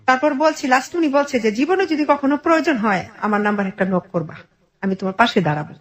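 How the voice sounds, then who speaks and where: Fairly high-voiced, expressive, and fast, this middle-aged woman has a Bangladeshi accent. She recounts her own life to an interviewer in earnest detail, often acting out what was said in reported speech.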